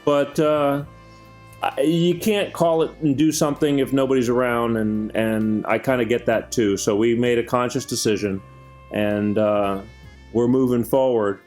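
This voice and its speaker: Male host, earnest, rambling, halting with fillers, faint music underneath. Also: medium pitch, steady tone, a little mellow. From Greek heritage. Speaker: show host. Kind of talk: casual chat show.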